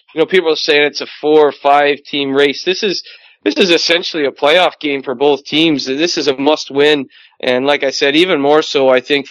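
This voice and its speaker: A hockey commentator speaks with a Canadian accent in quick, rambling bursts. His voice is smooth and a touch high. The sound is dry and close. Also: a bit bright, no room sound, muffled recording. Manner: fast, rambling analysis with fillers. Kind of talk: casual sports chat.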